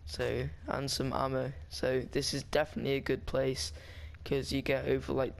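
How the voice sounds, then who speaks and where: A man talks through a game walkthrough in a loose, rambling way, stopping and restarting as he goes. His voice is smooth and clear. His pitch stays flat and even throughout. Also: normal speed. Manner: rambling, chatty, with frequent restarts. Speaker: gaming guide maker. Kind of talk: casual game walkthrough voice-over.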